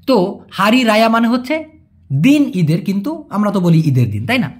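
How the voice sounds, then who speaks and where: Husky, lively language teacher. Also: mid-range voice. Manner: explains patiently, repeats words slowly, acts out everyday examples. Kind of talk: spoken language lesson.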